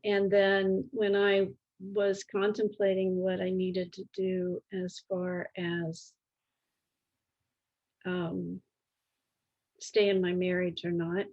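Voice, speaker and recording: Calm, gentle woman, slow and creaky. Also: mid-range voice, dull audio. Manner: halting, searching for words with long pauses. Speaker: interview guest. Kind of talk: reflective interview conversation.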